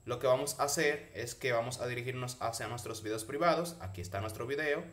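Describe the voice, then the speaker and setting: A man's voice: mid-range voice, a little fast, a bit bright. A man narrating a casual tutorial in Spanish, instructing viewers directly one step at a time. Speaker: tutorial host.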